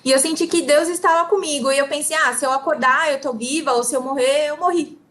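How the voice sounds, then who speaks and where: A woman with a Brazilian Portuguese accent interprets a talk phrase by phrase. Her voice is high and her delivery fast, and she keeps pace with the speaker. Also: steady tone, fairly bright tone. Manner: quick, relaying phrase by phrase. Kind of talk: consecutive interpreting.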